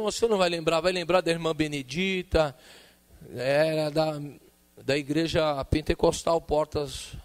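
A man preaching a sermon, telling a personal story with lively acted-out dialogue and calling out to the congregation. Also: a little high. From Brazil. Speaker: pastor.

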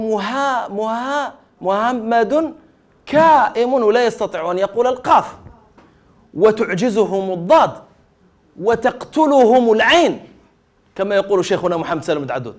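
A middle-aged man giving a televised religious lecture, speaking emphatically, repeating key phrases and addressing his students directly. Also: high-pitched. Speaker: lecturer on Arabic language sciences.

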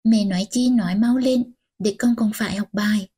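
Woman narrator voicing a defiant teenage girl, higher and soft, audiobook. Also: fairly even intonation, normal speed, husky, natural voice. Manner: pleading, defiant. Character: teenage girl, stubborn granddaughter, defiant and tearful.

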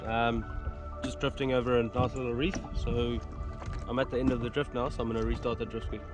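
Over music, a young fishing vlogger from New Zealand speaks briskly in a level, medium-pitched tone. He chats casually and laughs often while fishing from a jet ski on open water, captured by an action camera mounted on the ski.

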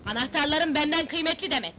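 A woman's voice: high-pitched, quick pace, natural voice. An actress playing a flirtatious, hot-tempered woman in a 1970s comedy film, theatrical in her delivery. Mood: angry. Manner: coy then fiery, theatrical.

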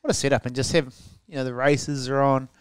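A New Zealand man co-hosting a podcast with laid-back, rambling stories. His voice is clear and smooth, at a middling pitch. The recording is dry and close. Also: level tone, fairly quick, no echo. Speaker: podcast co-host. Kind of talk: casual chat.

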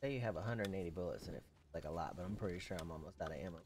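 Scared horror game streamer, low-voiced man. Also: rapid-fire. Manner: scared, swearing, muttering reactions to the game. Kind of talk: live horror game playthrough commentary. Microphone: boom microphone close up, headset on. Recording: clear game noise behind voice. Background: horror shooter game sounds.

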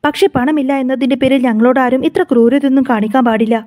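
A woman plays a scheming middle-aged mother of two who pours out accusations in a high, rapid voice. Her tone stays mellow and dark under the wailing complaints, with a quick, breathless delivery. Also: steady tone, close to an everyday voice.

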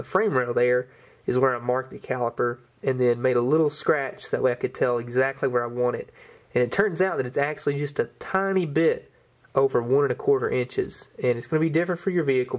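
A young man talks through a classic car restoration in his home garage. He explains each step in a relaxed, matter-of-fact way and throws in the odd corny joke. His voice sits at an ordinary middle pitch. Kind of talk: hands-on how-to narration.

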